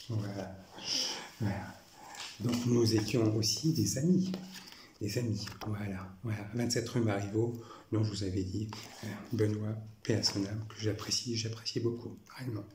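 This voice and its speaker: A man's voice: fairly low pitch, echoey room, background noise. A man in his forties from France, talking through personal photos in a rambling, repetitive monologue. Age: 40s. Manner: repetitive, says "voilà" constantly.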